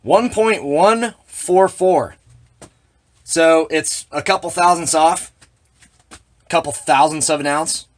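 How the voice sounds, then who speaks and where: A man's voice: fairly high pitch, slow pace, long pauses. Plain-spoken man demonstrating reloading gear. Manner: plain-spoken, dry sarcastic asides. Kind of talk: hands-on equipment demonstration.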